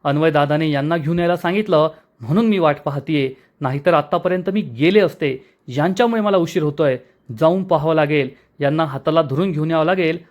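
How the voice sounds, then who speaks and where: A man voicing a hurried, flustered young wife in a retold serial, talking impatiently. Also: fairly high pitch, close to an everyday voice. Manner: impatient, fretful.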